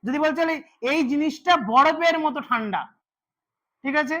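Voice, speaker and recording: A man's voice: extremely high pitch, moderate pace, a bit bright. A man teaching English grammar to a class, repeating words and quizzing his students as he goes. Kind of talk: classroom lesson.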